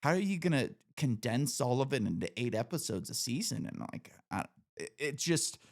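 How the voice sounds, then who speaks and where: A man in his late thirties hosts a relaxed podcast chat. He talks at a middle pitch, gives his opinions freely and keeps the talk going with "like" and "you know". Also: moderate pace, creaky. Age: 30s. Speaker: podcast host. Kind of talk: casual podcast conversation.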